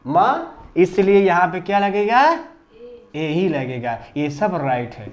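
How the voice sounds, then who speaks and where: Hindi-accented guy teaching grammar, high voice, slow and repetitive. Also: dull audio. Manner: call-and-response drilling, repeats questions to pupils. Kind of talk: classroom lesson. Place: classroom.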